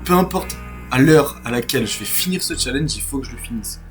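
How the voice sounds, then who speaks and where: A man's voice: mid-range voice, lively intonation, a little fast, music in the background. A young man who sounds tired, talking casually and in slang to his viewers as a challenge vlogger. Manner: slangy, colloquial. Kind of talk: casual vlog talk to viewers. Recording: noisy on-location vlog audio.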